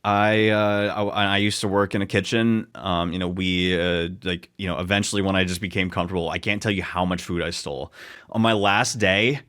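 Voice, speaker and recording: A man's voice: deep voice, little pitch movement, fairly quick, a bit bright, clear, resonant tone. A man from New York, co-hosting a podcast and reading stories aloud in a joking, easygoing way that trips over words. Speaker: podcast co-host.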